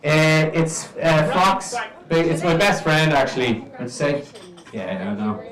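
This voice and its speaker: A man's voice: on the high side, expressive, takes it slowly. An Irish man telling comic folk tales live to an audience, with a playful, lilting manner. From Ireland. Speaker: storyteller and folklorist. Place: indoor live venue with an audience. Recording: echoey room with crowd noise.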